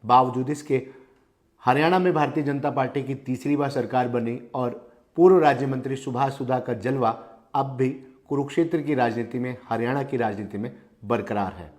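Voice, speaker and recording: A man's voice: medium pitch, normal speed. A man delivering local news commentary with a mid-range voice. He talks emphatically, circling back to restate key phrases for stress.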